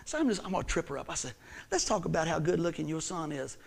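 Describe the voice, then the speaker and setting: A man preaching a sermon, swinging from hushed lines to shouted ones. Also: on the high side, sing-song, quick pace, gravelly, crowd noise. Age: 50s. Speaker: pastor.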